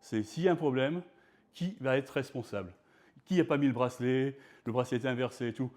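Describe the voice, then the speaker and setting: A man giving a performed storytelling talk on stage, conversational and self-mocking, halting with restarts. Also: medium pitch, darkish tone. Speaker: speaker. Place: stage before an audience.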